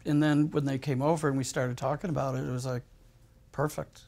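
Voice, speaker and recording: A man in his forties telling personal family moments in a gentle, heartfelt way during a casual interview. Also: medium pitch, level tone, brisk. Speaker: interviewee, co-parent. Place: living room, sitting in an armchair.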